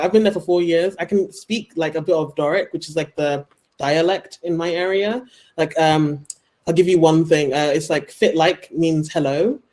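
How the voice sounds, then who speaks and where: A woman's voice: low voice, a little mellow. Hesitant young woman author on a video call. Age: young adult. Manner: hesitant, many fillers like um and like. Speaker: guest author. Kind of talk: casual conversation on a video call.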